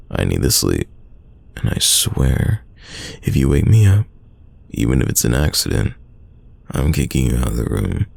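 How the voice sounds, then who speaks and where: A man performs a stubborn young friend who teases, in an intimate roleplay audio drama, speaking with a very deep, gravelly, slightly mellow voice. His casual delivery is full of drawn-out sighs, the recording is dry and the acting heavy, and the mood is a grumpy warning.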